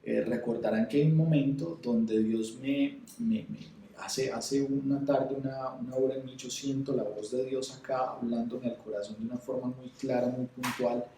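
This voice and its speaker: A man tells his faith story in a halting, heartfelt way, often circling back over his words. His voice has a dark, mellow tone. He sits back from the microphone in an echoey room. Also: medium pitch, steady tone, distant mic, slight background noise. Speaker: testimony speaker. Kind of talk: spoken personal testimony.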